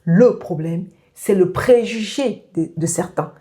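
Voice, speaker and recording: A woman talks directly to parents, laying out practical advice point by point. Her voice sits low and sounds warm and soft-edged. The delivery is earnest and instructive, like a host addressing her viewers. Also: takes it slowly.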